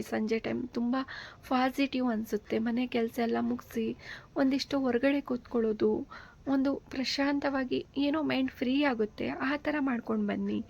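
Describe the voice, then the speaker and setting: A woman's voice: fairly high pitch, gravelly, a little mellow. A woman hosting a channel, giving casual household advice in a chatty way, with frequent fillers and checks for agreement.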